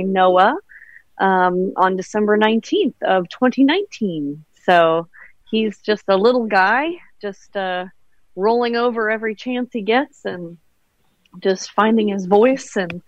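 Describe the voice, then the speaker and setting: Give me a woman as a panel guest, talking in a friendly, halting way with fillers. Her pitch is middling, and the sound is dull and lo-fi. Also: no room sound. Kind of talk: casual chat on a panel.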